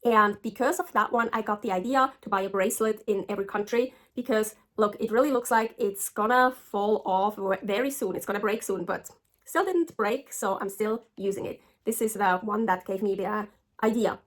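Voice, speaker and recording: A woman's voice: medium pitch, normal speed, a bit bright. A middle-aged woman from Switzerland talking casually to the camera in a travel vlog, chatty and frank, swearing freely. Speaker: travel vlogger.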